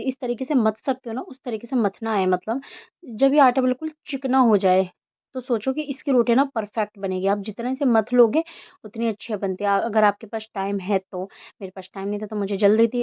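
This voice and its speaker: A woman's voice: mid-range voice, highs cut off. A woman in her thirties, chatting casually and rambling while she shows her day and cooks at home. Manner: chatty, rambling, self-deprecating. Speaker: home vlogger. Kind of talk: casual home vlog with cooking.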